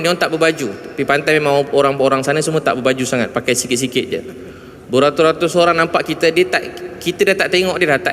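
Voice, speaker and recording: A man with a Malaysian Malay accent giving a storytelling religious talk to a mosque audience, rising emphatically at high points. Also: fairly bright tone, slight background noise. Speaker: visiting preacher. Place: large mosque hall. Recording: reverberant mosque hall.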